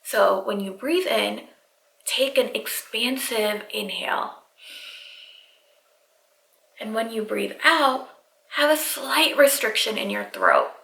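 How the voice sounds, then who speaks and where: A woman's voice: a little high, very animated, measured pace, gravelly, sharp tone, roomy sound, poor audio. A woman yoga instructor giving step-by-step guided breathing cues straight to the viewer. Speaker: yoga instructor, channel host.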